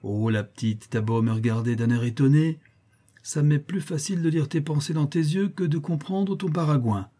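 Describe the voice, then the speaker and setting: Cheeky, blustering young sailor, put on by a male audiobook reader; husky, lifted voice. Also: a little high, normal speed, dark tone, voice pushed up, close to an everyday voice. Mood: boisterous. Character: brash cheeky young French sailor man.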